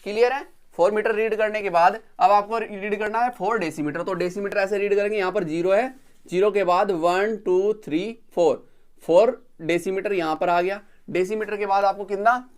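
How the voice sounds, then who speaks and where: Guy teaching a drawing class on video, says everything twice, counts slowly, keeps asking if it's clear. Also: high-pitched. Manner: repeats each step, checks understanding. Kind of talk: recorded video lecture.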